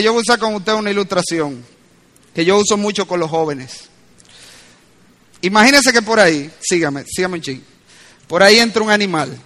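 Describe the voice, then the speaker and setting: Man, pastor, preaching with punchy climbs and hushed asides, high-pitched delivery. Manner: animated preaching, shifting between loud emphatic peaks and low asides. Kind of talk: sermon.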